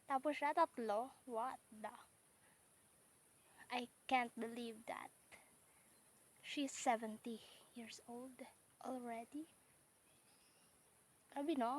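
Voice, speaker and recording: Playful high-voiced woman vlogging outdoors. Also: measured pace, pauses often. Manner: chatty, playful, mixes Tagalog and English. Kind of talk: casual vlog chat. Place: outdoors by rice fields.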